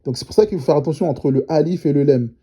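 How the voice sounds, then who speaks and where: Patient husky male teacher, dark voice. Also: fairly high pitch. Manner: patient, repeats syllables slowly and checks with "d'accord?". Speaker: Arabic reading teacher. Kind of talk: step-by-step lesson.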